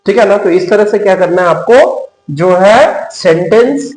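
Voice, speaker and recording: A man's voice: high-pitched, expressive, unhurried, a little mellow, echoey room, faint music behind, rough recording. A man with an Indian English accent teaching English step by step, mixing Hindi and English and repeating each example sentence. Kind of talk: slow classroom explanation.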